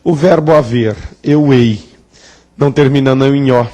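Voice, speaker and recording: A man's voice: medium pitch, a little slow, warm tone. A man teaching a grammar lesson at a classroom blackboard, playful, asking the class questions and drawing out words for emphasis. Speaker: Portuguese teacher.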